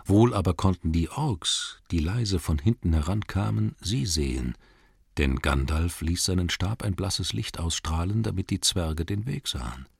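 A man narrating a storybook in a measured, dramatic reading, slowing down for emphasis. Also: sits low, lively intonation, vocal fry, husky, dry recording, studio quality. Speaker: audiobook narrator.

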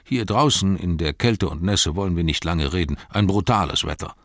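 A man's voice: deep voice, normal speed, no echo, clean studio sound. A man voicing a wary village gatekeeper who talks curtly and hurriedly, in a storybook reading.

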